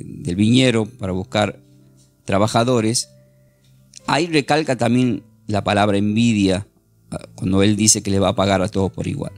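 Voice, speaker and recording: A man's voice: on the low side, gravelly, dry recording. A man teaching a Bible class, earnestly reading scripture aloud with emphasis.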